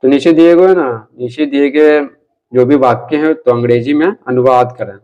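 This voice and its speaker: A male teacher going through English textbook answers, reading English lines slowly and then explaining them at length with frequent "ठीक है" and "है ना". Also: medium pitch, warm tone, lo-fi sound.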